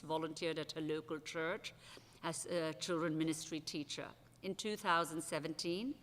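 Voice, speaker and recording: Introducing speakers at an academic conference panel, a low-voiced woman talks conversationally, often saying "uh" and restarting sentences. Her slightly bright voice reaches a table microphone on a large auditorium stage and rings with a long hall reverb.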